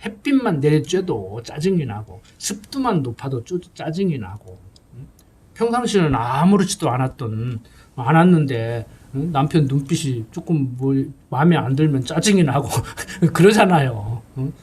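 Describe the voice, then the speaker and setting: Husky middle-aged male pastor preaching. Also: mid-range voice, very animated, normal speed, a little mellow. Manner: conversational, folksy, asks listeners for agreement. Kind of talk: sermon.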